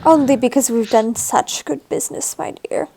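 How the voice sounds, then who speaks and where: A woman's voice: high voice, moderate pace, gravelly. A woman voicing a genteel female shopkeeper who politely calls customers "dear". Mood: sweetly polite. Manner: gentle, calls everyone dear.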